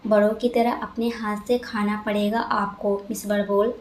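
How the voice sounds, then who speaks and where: A woman's voice: mid-range voice, level tone, moderate pace, darkish tone, natural voice. A woman voicing a stern, brusque young male landlord who scolds curtly, in a storybook reading, recorded with a roomy echo. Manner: curt and scolding, then coaxing.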